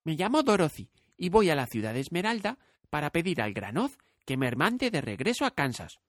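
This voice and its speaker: A man voicing a kind, curious little girl in a storybook reading, speaking softly with a raised pitch. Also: very animated, a little fast, no echo, clean studio sound. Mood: wondering. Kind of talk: audiobook character voice.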